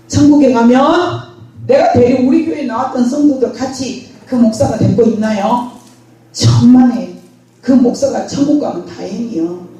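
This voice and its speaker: Older woman pastor, lively storyteller, mellow voice, very echoey far-off sound. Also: mid-range voice. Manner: animated storytelling, acts out scenes. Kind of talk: sermon. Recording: very echoey hall, distant mic.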